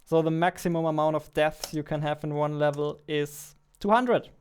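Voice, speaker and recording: Speaking at a normal speed with fairly even intonation, this man in his twenties has a clean, somewhat high voice. He's a game developer on a livestream, talking casually as he works at his desk indoors, muttering and repeating himself. You can hear keys typing and a mouse clicking behind him.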